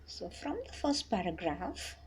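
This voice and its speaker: A woman's voice: fairly low pitch, big pitch swings, measured pace. A woman from Chennai with a South Indian accent, teaching an English lesson in an instructive, explanatory way. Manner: instructive, checks in with short tag questions. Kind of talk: explanatory lesson, reading a text aloud and paraphrasing it. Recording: noticeable background noise.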